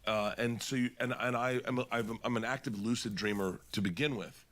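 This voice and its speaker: A comedian telling stories in casual podcast chat, rambling and animated, laughing and swearing as he goes. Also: mid-range voice, brisk. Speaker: comedian guest.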